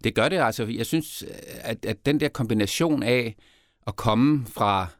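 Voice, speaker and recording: A man's voice: mid-range voice, dry recording, studio quality. A middle-aged man with a Copenhagen Danish accent, a mayoral candidate answering podcast interview questions with many restarts and fillers. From Denmark.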